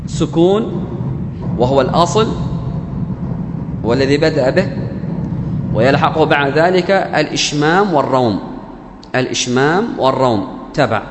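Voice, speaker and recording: Man teaching in an echoey hall. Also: a little high. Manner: deliberate, repeats key phrases for emphasis. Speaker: teacher of Quran recitation rules. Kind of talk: religious lesson explaining a verse text. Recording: echoey hall with faint background hum.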